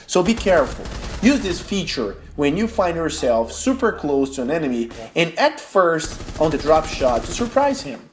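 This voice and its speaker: With slight background noise behind him, a young man from Brazil hosts a gaming tutorial voice-over, going through gameplay tips step by step. His voice is fairly high-pitched, and his English, spoken with a Brazilian accent, is a second language after Portuguese.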